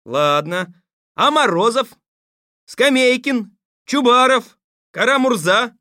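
An actor playing a stern but sensible fairy-tale tsar who speaks in a gruff, commanding way. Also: male voice, very high-pitched, lively intonation, slow pace, pushed and bright, no room sound, clean studio sound, exaggerated voice. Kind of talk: audio fairy-tale drama.

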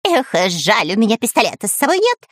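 A woman's voice: fairly high pitch, huge pitch swings, brisk, no room sound, studio quality, voice pushed up. A woman doing a whiny cowardly spy. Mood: boastful. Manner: whiny, grumbling. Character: cowardly grumbling male spy. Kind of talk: storybook reading.

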